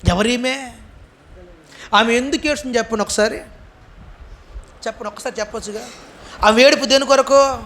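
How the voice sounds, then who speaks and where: High-voiced Telugu pastor preaching. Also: male voice, steady tone, normal speed, pauses often. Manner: call-and-response preaching, asks the congregation to answer; acts out quoted lines with a rising, shouted voice. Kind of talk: sermon.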